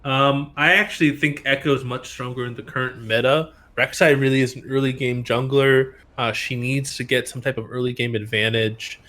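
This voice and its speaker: A man's voice: medium pitch, steady tone, moderate pace, hardly any pauses, sharp tone. A man casting an amateur esports final, explaining drafts steadily while his voice tires. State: voice tiring. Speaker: esports caster. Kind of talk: play-by-play casting.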